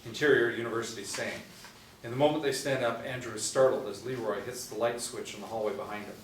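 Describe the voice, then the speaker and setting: Speaking fast at a medium pitch with fairly even intonation, a middle-aged man reads the scripted stage directions for a table read. He sits in a small indoor room with a tablet. The room echoes, the mic is distant, and there is faint noise.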